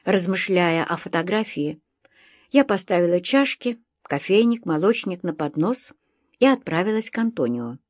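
A woman reading an audiobook in the first person, measured and softly tense. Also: fairly low pitch, animated, dry recording, studio quality. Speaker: audiobook narrator. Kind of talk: scripted first-person narration.

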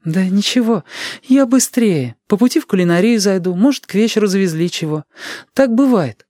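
A bustling, affectionate mother with a raised, lively voice, as a man reading the story puts her on. She chatters quickly from one errand to the next, in a dry close recording. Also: high voice, no echo, voice pushed up. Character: tired caring middle-aged mother, brisk.

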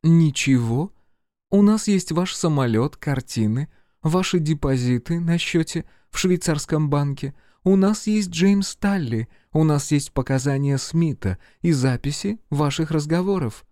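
A man's voice: on the high side, expressive, unhurried, warm tone, dry recording, studio quality. A man reading an audiobook voices a cold, determined female agent who gives commands.

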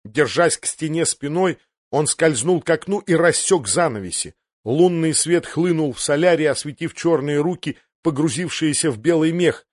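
A man reading a fantasy audiobook aloud in a steady, dramatic narration. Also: on the high side, normal speed, dry recording, studio quality. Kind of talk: scripted narration.

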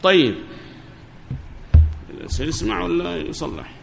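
A man's voice: on the high side, very animated, slow, vocal fry, fairly bright tone, faint music behind. A man teaching an Arabic grammar lesson on a microphone, asking his students questions and repeating their answers. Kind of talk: classroom lesson explaining a grammar poem. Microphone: amplifier microphone. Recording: reverberant hall, faint background noise.

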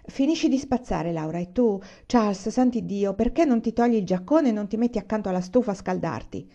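A woman's voice: mid-range voice, expressive, fairly quick, warm tone. A woman reading the lines of a practical, fretting pioneer mother in a storybook. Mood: fretful. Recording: muffled lo-fi recording.

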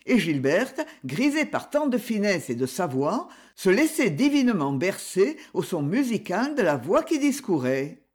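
A woman narrating an audiobook in a measured, expressive storytelling manner. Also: medium pitch, slightly rough.

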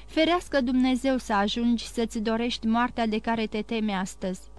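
A woman's voice: fairly high pitch, clear, resonant tone, natural voice. A woman voicing a grave, dignified mother. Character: frightened but dignified mother. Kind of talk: audiobook character reading.

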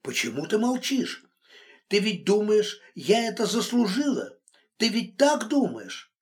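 A man's voice: very animated, measured pace. A man voicing a distraught young woman, pleading and emotional. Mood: defensive. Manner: pleading, emotional, rising pitch.

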